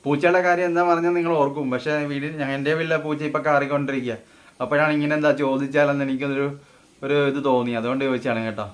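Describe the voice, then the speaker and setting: A man teaching everyday phrases, saying each example slowly and then explaining it. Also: medium pitch, steady tone. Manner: slow, deliberate model phrases, then explained in Malayalam. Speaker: Hindi teacher. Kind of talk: casual spoken-Hindi lesson.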